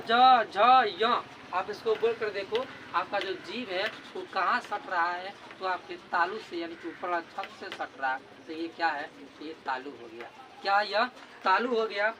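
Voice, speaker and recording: A man's voice: high voice, bright, forceful tone, slight background noise, poor audio. A man teaching a grammar lesson, who keeps asking a question and answering it himself and drills sounds aloud. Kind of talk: classroom lesson explaining grammar.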